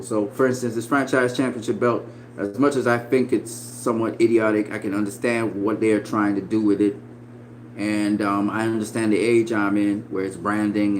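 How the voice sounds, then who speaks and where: A man in his forties giving casual, profane boxing opinions, swinging between loud emphatic bursts and quiet asides. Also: lowish voice, a little hiss or hum, low-quality recording. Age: 40s. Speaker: boxing commentator.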